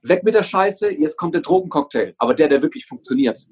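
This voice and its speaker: Husky, emphatic man coaching hard. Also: fairly high pitch, expressive, fairly quick. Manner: emphatic, swears often, hammers phrases through repetition. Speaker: interview guest, motivational coach. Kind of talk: energetic motivational talk.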